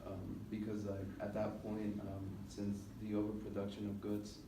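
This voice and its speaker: Speaking in a lowish, flat voice, a young American man gives an informal presentation for his speech class. His delivery is halting, full of filled pauses, and the mic sits far off in a roomy, noisy, echoing classroom.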